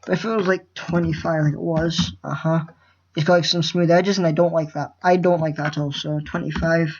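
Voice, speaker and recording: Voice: mid-range voice, flat delivery, fairly quick, dull audio. A nervous first-time tutorial maker who rambles, trips over words and swears casually while explaining a screen recording. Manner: nervous, rambling and self-interrupting. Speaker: game-making tutorial host.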